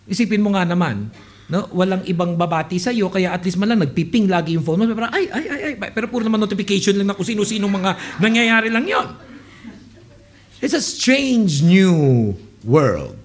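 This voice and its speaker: A man's voice: sits high, normal speed. A man in his late twenties preaching a sermon, telling stories and acting out the people he quotes. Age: late 20s. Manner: animated storytelling, mixing Tagalog and English, acting out quoted people. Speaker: pastor.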